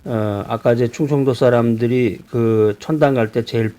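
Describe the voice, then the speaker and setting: A man from Seoul, a pastor giving a conversational sermon, asking his listeners questions and pausing on hesitations. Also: medium pitch, mellow. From Seoul, South Korea. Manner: conversational preaching with rhetorical questions and frequent hesitations.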